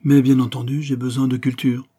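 A man's voice: medium pitch, level tone, brisk, warm tone, breathy edge, voice pushed up, natural voice. A man voicing an earnest young sailor. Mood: flustered.

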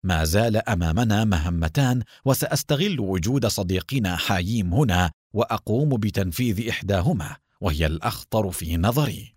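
A composed hero agent who speaks with quiet assurance, as a male reader puts him on. His voice sits a little lower and softer than the narration. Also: animated, fairly quick, husky. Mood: calm.

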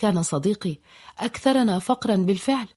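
A woman's voice: medium pitch, expressive, fast talker, warm tone, husky. A woman voicing an earnest young man who is a loyal friend, in a storybook reading.

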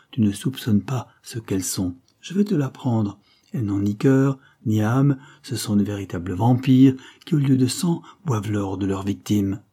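A man's voice: mid-range voice, mellow, slightly rough, natural voice. Man reading as an indignant old nobleman. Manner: emphatic, scolding.

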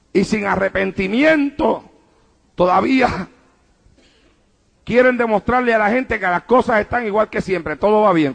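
A male pastor preaches a fervent sermon before a congregation at a church service, repeating refrains and calling out praise. His voice is very high-pitched and gravelly, with a fairly bright tone.

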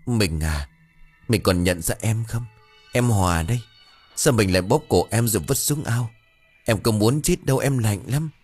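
A vengeful female ghost, put on by a man in a spoken ghost story. She is cold and sharp-tongued, wavering between tears and laughter. The voice is husky and lively in pitch. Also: normal speed, faint music behind. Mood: vengeful wailing.

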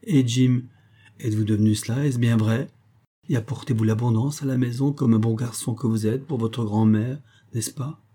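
A man voicing a shrill, cajoling old grandmother from a city slum in an audiobook. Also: steady tone, moderate pace, dark tone, natural voice. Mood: admiring, cajoling. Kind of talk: audiobook character voice.

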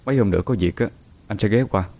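A man voicing a gentle young man, soft and reassuring. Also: fairly low pitch, fast talker. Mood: tender.

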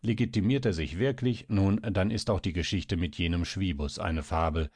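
A man voicing a gruff, irritable older male doctor in an audiobook, who grumbles impatiently. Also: low voice, normal speed, a little mellow, dry recording, studio quality. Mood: grumbling.

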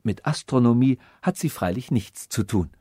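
A man's voice: mid-range voice, expressive, moderate pace, dark tone, husky, no room sound, clean studio sound. A man voicing an earnest disguised young prince. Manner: earnest, long-winded explanations. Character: young prince posing as a human.

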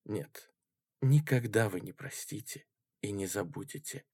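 A man's voice: fairly low pitch, measured pace, darkish tone, slightly rough, dry recording, clean studio sound, voice pushed down. A man voicing a passionate young woman. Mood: hushed. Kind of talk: audiobook reading.

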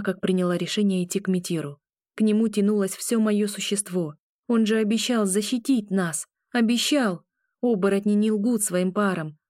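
Woman audiobook narrator, mellow tone, expressive first-person reading, dry close-mic sound. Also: fairly low pitch, dry recording.

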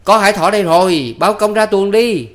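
A man's voice: high-pitched, a little fast, pitched above the performer's own voice, close to an everyday voice. Man playing a cheeky young village guy.

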